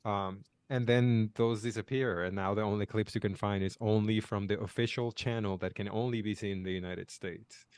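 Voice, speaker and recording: A laid-back man with a fairly low voice chats wryly on a podcast. His voice sounds dry and close to the mic. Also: steady tone, normal speed, few pauses, darkish tone, clear, resonant tone, no echo. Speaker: podcast co-host. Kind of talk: casual podcast chat.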